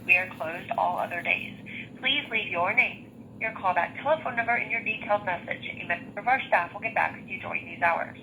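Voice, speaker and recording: A woman's recorded answering machine greeting, heard over a phone line, reading a formal office phone menu in a measured way. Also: mid-range voice, vocal fry, bright, forceful tone, slight background noise.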